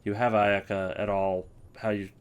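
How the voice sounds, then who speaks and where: Smooth and fairly low, this man's voice shows little pitch movement and moves at a moderate pace. He ranks game voice lines as a video creator, chatting in a casual, rambling, hesitant way and regularly breaking off his own sentences.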